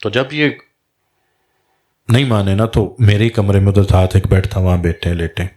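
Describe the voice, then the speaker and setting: A man with a fairly low voice gives a storytelling religious talk as a Sufi guide. He slips into quoted voices to act out the back-and-forth of the tale. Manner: recounts dialogue in lively quoted voices.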